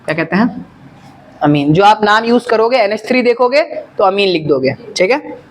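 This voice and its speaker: A man's voice: high voice, animated, moderate pace, a little hiss or hum. Man teaching chemistry to a class. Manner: quizzing students, answering own questions. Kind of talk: classroom lecture.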